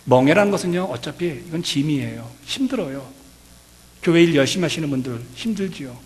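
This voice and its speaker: A man's voice: a little high, lively intonation, brisk, big-room sound. A man preaching a sermon as pastor, impassioned and pleading. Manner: impassioned, building to loud pleading.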